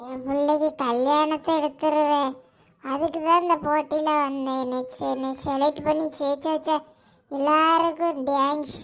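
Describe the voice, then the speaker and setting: A woman's voice: sits high, steady tone, moderate pace, a bit bright. A woman acting in a comic village sketch, fretful and pleading with giggles. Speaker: comedy sketch performer.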